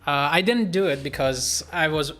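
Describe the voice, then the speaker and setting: Halting man. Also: on the high side, animated, a bit bright. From Pakistan. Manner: hesitant, halting with many fillers and quick laughs. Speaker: streamer hosting a collab. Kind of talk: casual chat on a livestream. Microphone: podcast dynamic microphone.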